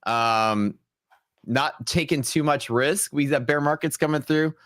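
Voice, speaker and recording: A man co-hosting a trading livestream, relaxed and joking in casual chat. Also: a little high, unhurried, dry recording. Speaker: co-host trader. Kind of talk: casual live-stream chat.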